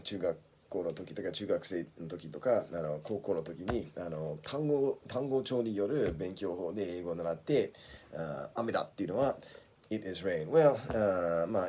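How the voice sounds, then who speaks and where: A man's voice: sits low, a little mellow, a little hiss or hum. A man running a casual English lesson in his small studio, switching between English and Japanese with many fillers and restarts. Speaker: English teacher.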